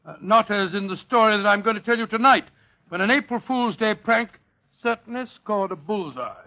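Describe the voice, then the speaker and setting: Creaky, high-voiced genial Doctor Watson. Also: male voice, brisk. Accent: English. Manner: avuncular, courteous, old-fashioned phrasing. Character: Doctor Watson, genial older English gentleman storyteller. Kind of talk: 1940s radio drama acting and storytelling. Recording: muffled vintage radio recording.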